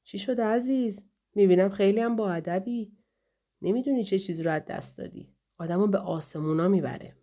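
A woman voicing a drunken, brutal male soldier who slurs and drawls, turning hushed and whispery at times. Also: medium pitch, lightly acted. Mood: scornful. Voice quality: slurred drawling speech. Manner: menacing, sometimes hushed and whispery.

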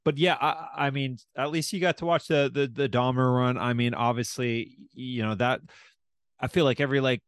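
A man's voice: medium pitch, steady tone, dry recording, studio quality. Stammering man in casual podcast chat. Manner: halting, repeats words, swears casually. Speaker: podcast host.

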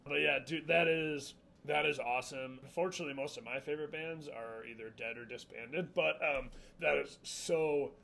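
An excitable man jokes his way through a casual podcast chat, laughing often. His voice sits a bit high for a man. A faint hiss of background noise runs under him. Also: moderate pace, gravelly, few pauses, low-quality recording. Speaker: podcast co-host.

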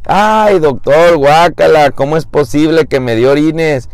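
A man's voice: lively intonation, measured pace, darkish tone, dry recording, studio quality, lightly acted. A man voicing a young, eager male doctor who keeps getting fooled, whiny and pleading. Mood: disgusted. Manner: whiny, pleading, higher pitched.

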